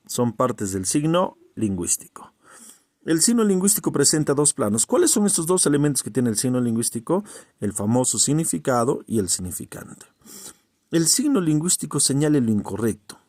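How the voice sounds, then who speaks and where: A man's voice: medium pitch, a little mellow, no room sound, clean studio sound. A man teaching a recorded language lesson, asking rhetorical questions, answering them himself and often checking in with the listener. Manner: checks in with the listener, repeats key terms.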